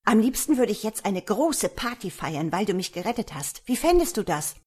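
A woman voicing a cheerful little male dwarf who calls out excitedly, in a storybook reading. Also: mid-range voice, moderate pace, slightly rough, voice pushed up. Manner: bright, excited calling out.

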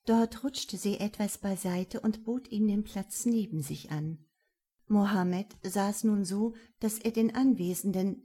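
A woman narrating a novel in a calm, measured storytelling manner. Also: medium pitch, breathy edge. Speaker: audiobook narrator. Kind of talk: scripted narration.

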